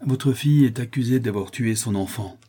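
A man's voice: mid-range voice, normal speed, warm tone, breathy edge, pitched above the performer's own voice, natural voice. Man voicing a grave police commissioner. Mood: solemn.

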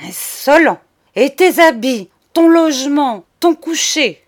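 A woman voicing a spiteful, miserly older woman who scolds in shrill, furious outbursts. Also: sing-song, moderate pace, lightly acted. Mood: furious scolding.

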